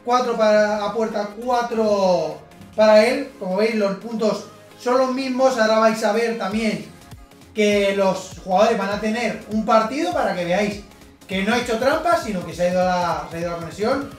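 A man commentates his own football video game match. He gets excited easily, shouts at big plays and groans when things go wrong. He sits back from the mic in an echoey room, with faint music underneath. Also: sits high, normal speed, recorded from a distance. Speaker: gaming YouTuber. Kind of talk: live gameplay commentary.

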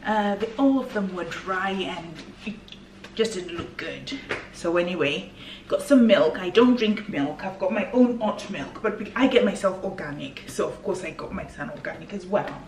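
A woman's voice: fairly low pitch, moderate pace, darkish tone. A woman chatting casually through a grocery haul at home, sometimes dropping to a whisper. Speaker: vlogger. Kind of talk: casual shopping haul chat. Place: home kitchen. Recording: echoey room, far from mic, background noise.

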